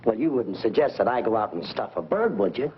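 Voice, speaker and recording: An actor playing a jumpy photographer, the comic sidekick in a 1940s B-movie. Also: male voice, lowish voice, big pitch swings, a little fast. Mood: comic, puzzled. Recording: muffled, noisy vintage film soundtrack.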